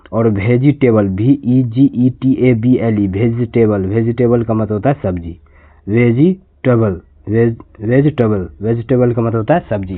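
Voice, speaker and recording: Male tutor, patient spell-and-repeat delivery, middle pitch, lo-fi phone sound. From India. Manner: spells words letter by letter, then repeats and explains each. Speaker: teacher. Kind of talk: spoken lesson. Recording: tinny phone-quality audio.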